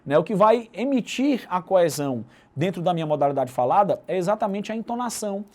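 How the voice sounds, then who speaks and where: A man's voice: high-pitched, lively intonation, fairly quick, darkish tone. A Brazilian man with a Brazilian Portuguese accent giving a recorded video lesson, explaining step by step and closing nearly every phrase with a tag question. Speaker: teacher.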